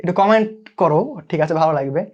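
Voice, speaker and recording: This young Bangladeshi tutor, Bengali accent evident, conducts a live online English lesson while constantly checking in and asking for student comments. His voice is a little high and darkish, moving at a quick pace. The highs are cut off.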